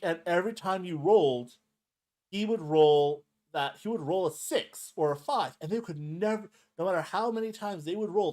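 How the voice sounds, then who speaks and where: A man's voice: a little high, a little mellow. A man co-hosting a podcast, reading out board game rules and telling a long rambling story with many fillers and restarts. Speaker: podcast co-host.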